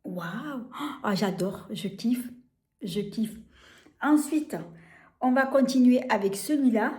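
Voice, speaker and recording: A French woman showing makeup on camera, gushing about each product and filling pauses with hesitations and repeated words. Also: a little high, darkish tone. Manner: gushing, enthusiastic over products. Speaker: beauty vlogger. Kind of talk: casual product demo. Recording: echoey room.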